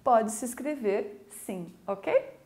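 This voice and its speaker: A woman English teacher with a Brazilian Portuguese accent, giving a recorded school video lesson in a lively, coaxing way. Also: on the high side. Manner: lively, coaxing, slow deliberate explanations.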